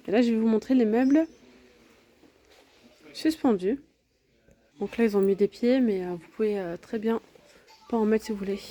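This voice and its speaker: Her voice mid-range and warm, a woman vlogs a casual walkthrough of a large home improvement store on a handheld phone. She rattles off sizes and prices, using lots of fillers.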